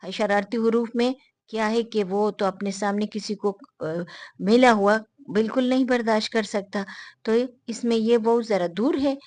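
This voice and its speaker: A woman's voice: medium pitch, darkish tone, dry recording. A woman teacher explaining a lesson step by step, patient and repetitive, slipping English words into her speech. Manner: patient, repeats and points things out step by step. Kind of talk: explaining a lesson to young learners.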